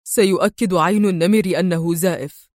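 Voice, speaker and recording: A woman's voice: fairly low pitch, steady tone, a little fast, darkish tone, no room sound, clean studio sound, pitched below the performer's own voice, natural voice. A woman playing a cold, ruthless gang boss. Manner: harsh, stern and cold.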